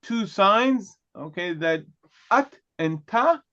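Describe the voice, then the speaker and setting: The recording is muffled and dull, much like online class audio, carrying a male teacher's high voice as he lectures at an unhurried pace. He is a native Hebrew speaker who teaches in an easygoing, joking manner, sprinkling in "okay," "right" and humorous asides.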